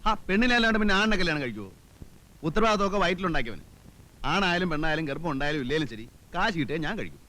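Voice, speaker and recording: A man's voice: fairly high pitch, very animated, very fast, pushed and bright. An actor playing a scheming, cheeky village man who trades in glib, brash comic banter in a film comedy. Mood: jokey. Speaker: film character, a hired hand. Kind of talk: 1990s film comedy acting.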